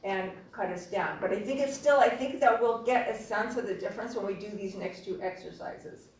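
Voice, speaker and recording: Calm woman guiding a group, echoey room. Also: medium pitch, slight background noise. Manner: calm, reflective, with gentle pauses. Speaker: workshop facilitator. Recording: echoey room, distant mic.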